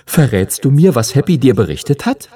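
A man's voice: medium pitch, very animated, fairly quick, warm tone, slightly rough, pitched above the performer's own voice. A man voicing a cheerful, curious young hatchling dragon.

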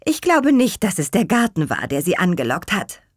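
A woman voicing a calm, kind witch in a children's audio story, speaking reassuringly. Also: on the low side, moderate pace, dry recording, clean studio sound, heavily acted. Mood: explaining.

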